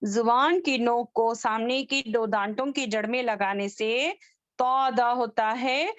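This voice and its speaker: A woman's voice: fairly high pitch, takes it slowly, no echo, highs cut off. A woman teaching a Quran recitation class online, patiently drilling letter sounds and asking the students if they follow.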